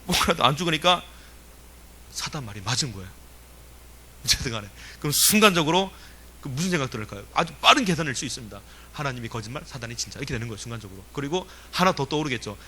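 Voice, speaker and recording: Bright, animated Korean pastor. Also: male voice, a little high, fast, breathy edge. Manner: animated, emphatic, with chuckles and rhetorical questions. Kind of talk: sermon.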